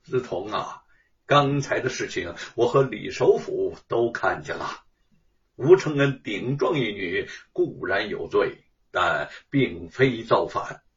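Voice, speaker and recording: A man playing a calm, measured middle-aged emperor who speaks slowly and soothingly, on a dull, distant lo-fi recording. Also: lowish voice, voice pushed down.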